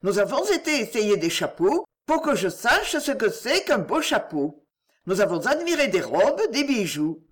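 A woman voicing an earnest, loving fifteen-year-old girl in a read-aloud novel, her pitch lifted and pleading. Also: big pitch swings, a little slow, husky.

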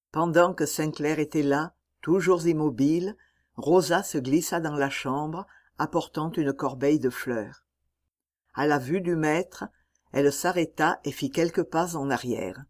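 An audiobook reader giving a slow, measured, solemn narration of a classic novel. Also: mid-range voice, a little mellow.

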